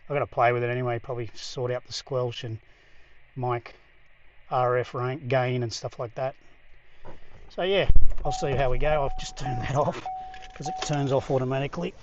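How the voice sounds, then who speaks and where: Speaking to viewers as a vlog host, an Australian-accented man rambles casually and easily to camera. He keeps a medium pitch, fairly even intonation, and a moderate pace, on slightly dull lo-fi audio.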